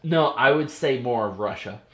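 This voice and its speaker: Young dude cohosting, gets loud and goes all in acting out his stories, echoey room. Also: medium pitch, normal speed. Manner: animated storyteller, acts out voices and jumps in loudly. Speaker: podcast co-host. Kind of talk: casual chat.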